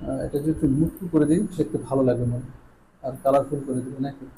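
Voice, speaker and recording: A man with a Bangladeshi accent teaching English pronunciation in an online lesson, drilling sounds slowly and switching between Bengali and English. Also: mid-range voice, fairly even intonation, mellow, slight background noise, poor audio.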